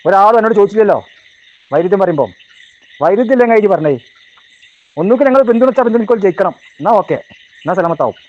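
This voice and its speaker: A man's voice: high voice, animated, fast talker, pauses often. A man giving a heated rebuttal talk, combative and taunting, firing off rhetorical questions. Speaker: religious speaker answering a rival. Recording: dull lo-fi recording.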